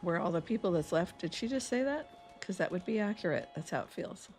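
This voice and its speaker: A woman's voice: fairly low pitch, animated, a little fast, darkish tone, faint music behind. A woman with an East Coast accent, streaming a game and chatting in a rambling, laughing way while reading chat aloud. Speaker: gaming streamer. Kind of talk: casual let's-play chat.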